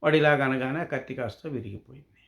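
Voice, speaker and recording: A man tells a humorous folk tale for children in a relaxed, spoken way. He asks himself questions and answers them as he goes, in a mid-pitched, ordinary voice. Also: fast talker, vocal fry. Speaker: storyteller. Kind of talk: oral storytelling for children.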